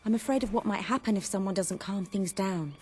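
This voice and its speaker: An actress playing a caring, worried young noblewoman in a video game, speaking in a gentle, intimate way. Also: mid-range voice, fairly quick, lightly acted. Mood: anxious. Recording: clear background music.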